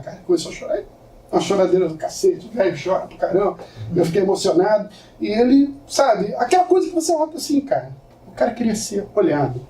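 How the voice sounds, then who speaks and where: A man's voice: high voice, distant mic, slight background noise. Man lecturing casually in an echoey room. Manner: casual, slangy, animated storytelling to an audience. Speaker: lecturer and photographer. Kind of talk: informal lecture storytelling.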